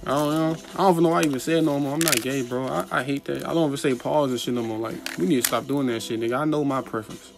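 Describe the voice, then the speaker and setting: A man talks in a loose, slangy monologue, rambling and cursing freely. His pitch sits mid-range, and music plays clearly underneath. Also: racing, hardly any pauses. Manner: profane, slangy, rambling, gets animated. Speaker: motivational vlogger. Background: music playing in the background.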